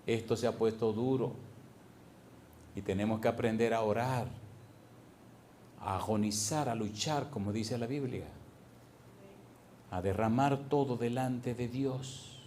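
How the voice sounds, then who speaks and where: A male pastor preaching a fervent sermon, swinging between loud and soft and asking the congregation repeated questions. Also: mid-range voice, a little slow, long pauses, slight background noise.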